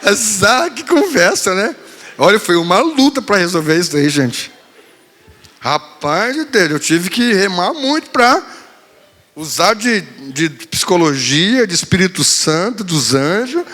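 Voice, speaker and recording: A man's voice: high voice, big pitch swings, a little slow, bright, forceful tone, big-room sound. A male pastor preaching a sermon, telling a story in a playful way and acting out quotes. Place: church hall.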